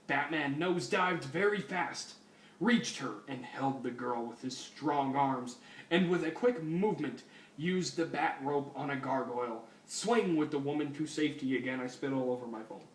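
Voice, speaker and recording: A man's voice: mid-range voice, moderate pace. A man giving a mock-dramatic comic reading of a fan story and breaking off for sarcastic asides. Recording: roomy, distant mic, faint noise.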